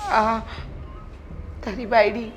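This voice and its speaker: A woman's voice: a little high, level tone, drawn-out words, soft background music. An older woman playing a scheming widowed mother-in-law who wails and accuses in a family drama. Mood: complaining tearfully. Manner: wailing self-pity, accusing.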